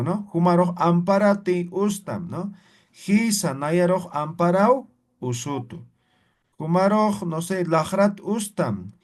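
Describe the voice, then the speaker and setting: A male teacher with a fairly high voice that rises and falls a lot. He talks slowly and patiently, checking in with his class through short tag questions. He says each example word twice, deliberately. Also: darkish tone. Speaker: language teacher. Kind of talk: live class explanation.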